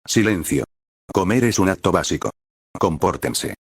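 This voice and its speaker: A man's voice: low-pitched, animated, moderate pace, slightly rough, dry recording, exaggerated voice. A man voicing a cold, elegant male demon lord who speaks curtly and with disdain. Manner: curt and disdainful.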